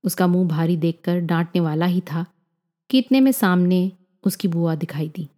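Mellow-voiced woman narrating a story. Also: fairly low pitch. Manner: measured, even storytelling delivery. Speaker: storyteller and channel host.

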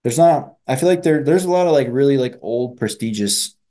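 A man's voice: medium pitch, lively intonation, fairly quick, warm tone. A young man co-hosting a podcast, rambling casually with lots of fillers and swearing. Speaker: podcast co-host. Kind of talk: casual chat.

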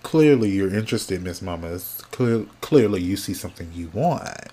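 A man hosting his own podcast alone, chatting casually and sassily from topic to topic, sounding sleepy and yawning, often trailing off into quiet mumbles. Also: low voice, lively intonation, normal speed, slightly rough. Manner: chatty, sassy, drifting between topics. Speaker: podcast host. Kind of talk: casual solo podcast chat.

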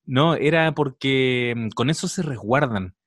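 A man's voice: mid-range voice, a little slow, no echo, studio quality. A man with a Chilean accent, co-hosting a podcast and chatting casually as he reviews a TV series, thinking aloud with fillers. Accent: Chilean Spanish. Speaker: podcast co-host.

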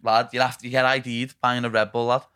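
A man's voice: medium pitch, level tone, fast, pushed and bright, smooth, no room sound, studio quality. A young man, chatting casually and bantering as a podcast co-host. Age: 20s. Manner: laddish banter, says "lad" a lot. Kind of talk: casual chat.

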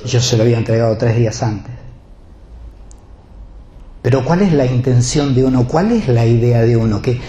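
A man's voice: medium pitch, normal speed, long pauses, mellow, reverberant, dull audio. A man with a Rioplatense Spanish accent, preaching a sermon as pastor, talking conversationally and putting direct questions to his congregation.

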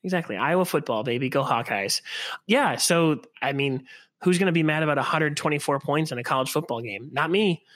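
A man's voice: on the high side, brisk, no echo. Man bantering on a sports podcast, dry sound. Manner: relaxed, filler-heavy, enthusiastic banter. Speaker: podcast co-host. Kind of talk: casual sports podcast chat.

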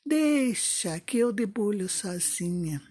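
A woman voicing a gentle patient hen. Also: mid-range voice, animated, slow pace, breathy edge, dry recording, studio quality. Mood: resigned. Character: gentle, patient hen who works alone.

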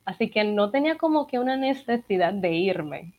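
A Puerto Rican woman talks easily as an interview guest, her accent softened at the edges. She tells stories with energy and acts out the voices of the people in them. The recording sounds a little dull and muffled. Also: medium pitch, moderate pace. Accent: Puerto Rican Spanish, slightly neutralized. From Puerto Rico. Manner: chatty, animated storyteller who acts out dialogue. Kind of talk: casual conversational interview.

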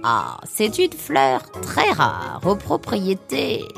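A woman voicing a large, sly, motherly female fox in an audiobook, talking in a slow, coaxing way. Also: mid-range voice, wildly swooping pitch, vocal fry, fairly bright tone, faint music behind, exaggerated voice. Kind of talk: audiobook character voice.

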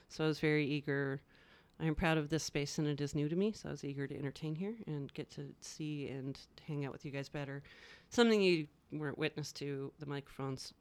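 A woman comedian, a podcast guest, telling stories in casual chat from a home garage with a concrete floor, sarcastic and ranting, swinging from loud exclamations to low murmurs.

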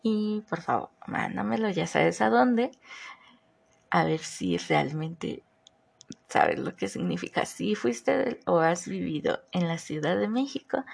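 Hosting a casual podcast monologue, a woman from Mexico asks her listeners questions in a chatty way. She has a medium-pitched, gravelly voice and a Mexican Spanish accent mixing Mexico City, Morelos and northern traits.

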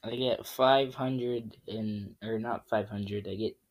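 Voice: mid-range voice, steady tone, takes it slowly. A podcast host in casual, rambling chat over a voice call while gaming, joking and teasing their friend.

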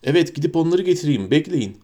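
A man voicing a huge, cheerful and kindly male gamekeeper with a booming, hearty way of talking. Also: lively intonation, fast, dark tone.

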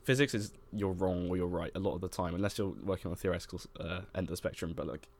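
A young man with a notably deep voice chats on a podcast. He rattles along quickly, restarting sentences and stacking fillers as he goes. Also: a little mellow. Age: young adult. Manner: fast, rambling, full of fillers and restarts. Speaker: podcast co-host. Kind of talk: casual chat.

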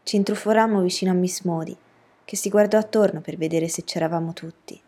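A woman reading a novel aloud as an audiobook narrator, telling the story in an even, steady way. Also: on the low side, a little fast, breathy edge.

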